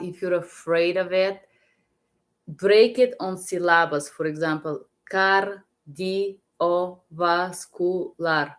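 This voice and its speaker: A woman with a Bulgarian accent and a low voice trains medical interpreters in a casual live stream. She speaks slowly and haltingly, repeating words and restarting often.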